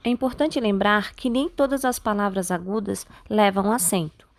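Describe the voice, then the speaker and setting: A woman teacher with a Brazilian Portuguese accent, patiently explaining a grammar lesson step by step and slowing down on key words. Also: medium pitch. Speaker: Spanish teacher. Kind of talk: recorded online class.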